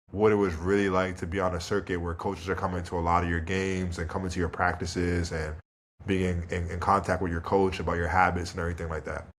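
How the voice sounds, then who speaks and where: A man in his thirties with a very low voice talks as a podcast guest. His delivery is relaxed and thoughtful, with easy filler words. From Toronto, Canada. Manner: relaxed and reflective, leans on "you know" and "like". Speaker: guest, pro basketball player. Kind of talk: casual interview.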